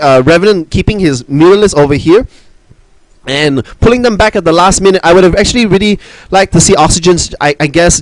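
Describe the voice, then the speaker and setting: A young male esports caster talks through a strategy match on his own, his voice sitting high for a man. He rambles with restarts and fillers and sounds excitable and out of breath. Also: no echo, low-quality recording. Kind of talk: solo play-by-play game commentary.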